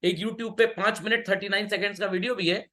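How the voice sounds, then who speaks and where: A middle-aged man gives an online business studies lesson in a high voice. His tone is bright and sharp. He mixes Hindi and English and keeps playfully scolding students and asking if they follow. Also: steady tone, a little fast. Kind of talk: online class lecture.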